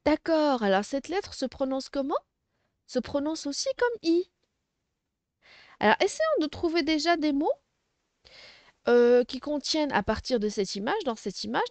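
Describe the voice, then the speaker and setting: A woman with a high, slightly mellow voice teaches first-graders phonics, speaking slowly and pronouncing each syllable clearly to encourage the young pupils. She comes from an Arabic-speaking background, and there's no room sound.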